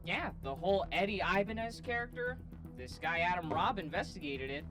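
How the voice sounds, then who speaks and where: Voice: mid-range voice, lively intonation, fairly quick. An actor voicing a helpful robot assistant in a scripted video sketch, reporting findings in a matter-of-fact, dutiful way with a robot voice effect. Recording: music bed behind.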